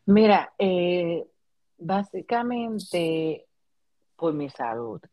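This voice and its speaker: A woman's voice: lowish voice, big pitch swings, very slow, warm tone, no echo. A woman, chatting casually and reflectively about faith, laughing now and then. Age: 40s. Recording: dull dry sound.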